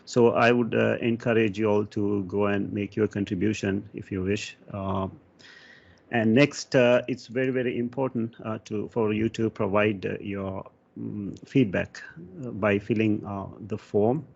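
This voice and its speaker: Halting man with a gravelly low voice. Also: steady tone, a little mellow. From Sri Lanka. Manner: hesitant, many fillers. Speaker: conference speaker. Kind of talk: technical conference talk. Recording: dull lo-fi sound.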